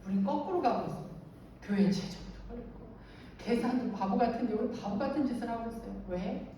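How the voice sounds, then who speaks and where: A middle-aged woman addresses a church teacher training in a slightly high, mellow voice. She tells everyday stories with lively energy and acts out the voices she quotes. She is picked up from a distance in a very echoey hall, with faint room noise behind her. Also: a little fast. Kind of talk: anecdotal church talk.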